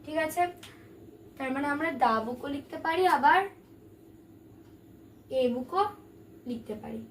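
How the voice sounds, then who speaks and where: A woman's voice: high voice, unhurried. A woman teaching a grammar lesson, patiently explaining and asking questions that she then answers herself. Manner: patient, asks and answers her own questions. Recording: distant mic, faint room noise.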